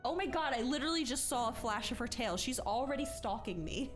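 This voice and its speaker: A young woman streamer chatting casually while she plays a video game, excitable and talkative, breaking into squealing disbelief. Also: a little high, brisk, over music. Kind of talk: casual live-stream commentary.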